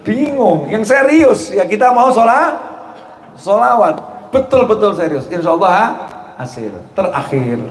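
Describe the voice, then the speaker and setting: A man's voice: medium pitch, darkish tone, echoey room, slight background noise. A man with a Javanese Indonesian accent preaching to a gathering, joking with the audience and asking rhetorical questions. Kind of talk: sermon.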